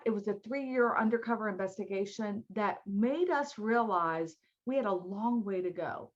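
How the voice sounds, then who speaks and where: A woman's voice: mid-range voice, a bit bright. A woman with a Southern American accent leads an online training in a friendly, folksy way, talking to her listeners as y'all. Her voice sits in a middle range, and the web audio sounds a bit dull. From born in New York City, raised in Miami. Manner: chatty, folksy, addresses audience as y'all. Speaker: diversity and inclusion trainer. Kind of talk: live online training presentation.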